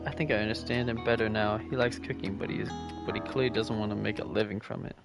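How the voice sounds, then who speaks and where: Gravel-voiced male streamer, joking commentary, game music under. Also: fairly low pitch, fairly even intonation, fast talker. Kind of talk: casual gaming commentary.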